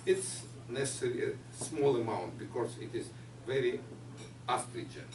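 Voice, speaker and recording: A man's voice: medium pitch, lively intonation, moderate pace. Ukrainian-accented male lecturer taking questions, recorded from afar amid background noise. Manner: non-native phrasing, patient explaining. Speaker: guest lecturer. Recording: echoey room, far mic, noisy.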